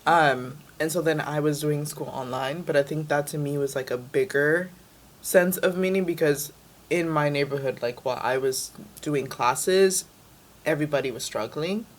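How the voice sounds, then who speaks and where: A woman's voice: low-pitched, moderate pace. A young woman from the Dominican Republic, raised in New York City, talking casually as an interview guest with lots of "like" fillers. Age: young adult. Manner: chatty, many "like" fillers.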